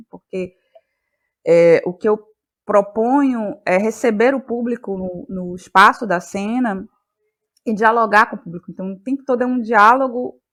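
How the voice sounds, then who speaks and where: Speaking in a slightly high, fairly bright voice, this Brazilian playwright and actress from Bahia is interviewed about how she creates. She gropes for words and repeats herself as her thoughts form.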